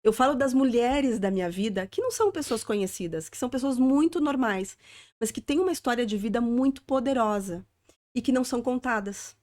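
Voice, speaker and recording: A woman's voice: fairly high pitch, expressive, a little fast, a little mellow. Reflective Southern Brazilian woman guest. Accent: Southern Brazilian (gaúcho). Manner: reflective, earnest, frequent "né?" tags. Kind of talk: conversational interview.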